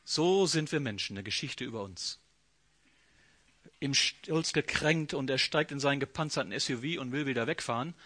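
A man preaching a sermon, telling the story with lively energy and acting out the inner voices of the characters. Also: mid-range voice, moderate pace, dry recording.

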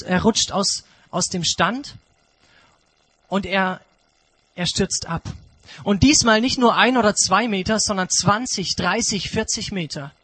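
A male preacher tells a sermon story with emphatic, dramatic pacing and pauses. His voice sits high and bright, with a husky edge. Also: low-quality recording.

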